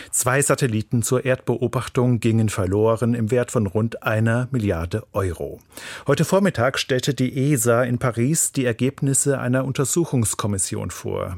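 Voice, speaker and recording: A man presenting the radio news and putting measured, probing questions to a correspondent. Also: medium pitch, dry recording, studio quality.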